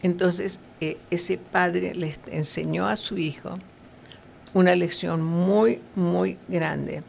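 A woman's voice: lowish voice, steady tone, slow, gravelly, darkish tone, slight background noise. A woman giving earnest, conversational Bible teaching, with fillers and tag questions.

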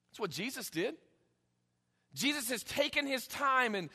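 A man preaches a conversational sermon from the pulpit and slips into the voices of the people in his story. His voice sits very high, bright and forceful, and it rings out with a long hall reverb. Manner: conversational preaching, acting out biblical dialogue. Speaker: pastor.

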